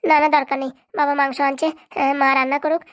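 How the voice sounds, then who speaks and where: A woman's voice: high-pitched, level tone, fast talker, muffled recording, lightly acted. A woman voicing a hurt but firm young wife who insists on her side in a cartoon. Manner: insistent, self-defending. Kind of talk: cartoon voice acting.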